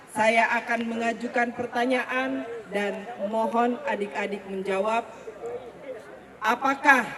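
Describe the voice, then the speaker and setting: Woman reading a formal ceremony text, slowish, big echoey hall, kinda distant. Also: fairly high pitch. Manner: measured, phrase by phrase. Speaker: official leading an inauguration. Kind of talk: formal ceremonial read-out speech.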